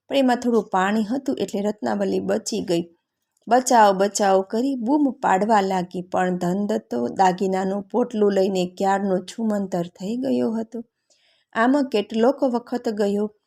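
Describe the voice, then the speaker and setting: Mellow-voiced woman telling a folk tale. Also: medium pitch, vocal fry. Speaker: storyteller.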